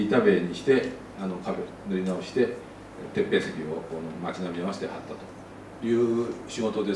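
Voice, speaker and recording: A man's voice: mid-range voice, darkish tone, reverberant, distant mic, slight background noise, low-quality recording. A man giving a casual slide lecture as an architect, chatty, with many asides.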